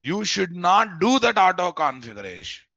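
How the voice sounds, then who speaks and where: Very animated and high-pitched, a man with a gravelly, sharp voice teaches live coding at normal speed in a Telugu Indian accent. Informal and familiar with learners, he repeats phrases and checks understanding through questions. The recording is dry and lo-fi.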